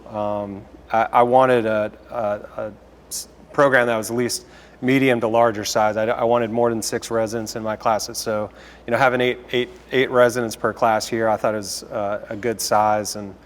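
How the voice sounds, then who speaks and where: A young man from Chicago, an orthopedic resident on a panel, speaking haltingly with many restarts. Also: medium pitch, a bit bright. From Chicago, Illinois. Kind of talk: panel discussion. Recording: room with long reverb.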